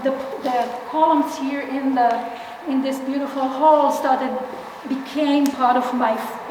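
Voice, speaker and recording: Woman, middle-aged, from Israel, artist talk, hesitant, many fillers, high voice, long hall reverb, noisy room. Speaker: exhibiting artist. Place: large gallery hall. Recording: echoey hall, distant from mic, noisy.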